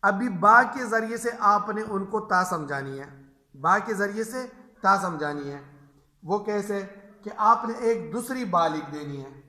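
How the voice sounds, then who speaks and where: Man, high bright voice, alphabet lesson, stretched letter sounds, echoey room. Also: animated. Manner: drawn-out letter sounds, repeated questions. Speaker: Quran reading teacher. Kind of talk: teaching letters to teachers.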